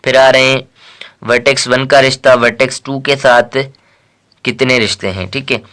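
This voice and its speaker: A man's voice: medium pitch, steady tone, normal speed, fairly bright tone. A man from Pakistan teaching a math lesson in a casual lecture style, counting aloud and reading questions before explaining them.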